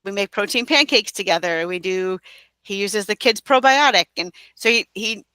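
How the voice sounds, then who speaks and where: A woman's voice: medium pitch, normal speed, pushed and bright, smooth, dry recording. A woman in her thirties, an interview guest, talking casually and rambling with many fillers. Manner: rambling, frequent fillers and restarts. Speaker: guest, direct-sales entrepreneur.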